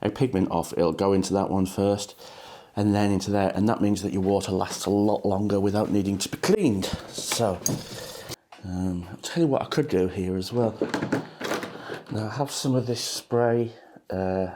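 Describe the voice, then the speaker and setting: A man giving a relaxed, chatty watercolour painting demonstration, talking loosely with plenty of ums as he paints. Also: lowish voice, moderate pace, a little hiss or hum. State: a bit shaky from coffee. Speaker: watercolour teacher.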